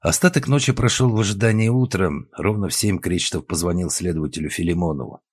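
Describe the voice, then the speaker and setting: A man narrating an audiobook with expressive storytelling. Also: low-pitched, fast, slightly rough, no echo. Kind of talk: scripted narration.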